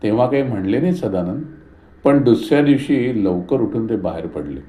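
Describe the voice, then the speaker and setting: A man reading a story aloud in a calm, measured way. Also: medium pitch. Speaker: narrator. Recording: roomy echo.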